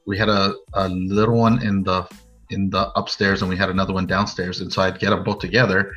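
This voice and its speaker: This podcast guest, a late-40s American from Norwalk, California, rambles through his life story casually, full of "you know." He speaks a little fast in a low, husky, slightly bright voice with little pitch movement. Music plays under muffled lo-fi audio.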